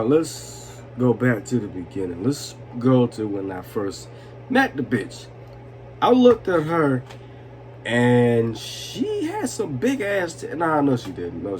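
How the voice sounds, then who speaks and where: A man's voice: medium pitch, slight background noise. A young man in his twenties, tipsy from drinking, telling a heated, profane story to the camera. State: tipsy from vodka. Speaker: vlogger. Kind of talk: drunk storytime monologue.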